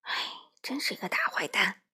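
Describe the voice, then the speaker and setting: A woman's voice: normal speed, sharp tone, whispered. A woman voicing a cheeky, hot-tempered little male crow who squawks indignantly. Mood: glum whisper.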